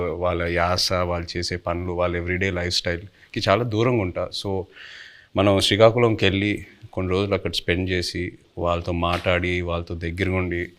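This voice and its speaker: A man who plays the film's lead, answering interview questions in a measured, reflective way. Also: low-pitched, a bit bright. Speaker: lead actor.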